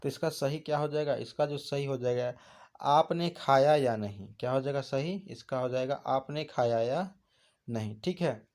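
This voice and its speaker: A man's voice: mid-range voice, moderate pace, a little mellow. A man teaching an exam prep lesson, asking questions and answering them himself. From India.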